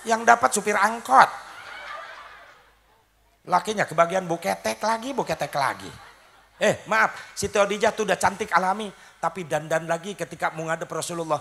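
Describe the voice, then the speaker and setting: Gravelly, bright-voiced comic preacher. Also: male voice, sits high, normal speed, long pauses, slight background noise. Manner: jokey, acts out wives and husbands in skits. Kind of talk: comic sermon to a crowd. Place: outdoor community stage.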